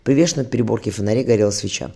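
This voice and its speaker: A man reads a historical novel aloud, moving fast and now and then tripping over a word and starting it again. His voice is low and dark. It has a heavy gravelly rasp. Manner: reads fast, with slips and restarts. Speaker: audiobook narrator.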